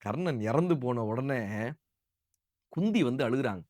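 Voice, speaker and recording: A storyteller and motivational speaker tells a devotional epic, his expressive, slightly mellow male voice moving at a measured pace. He swells and drops in pitch and volume with emotion and tosses colloquial asides to his listeners. The recording is clean studio sound with no echo.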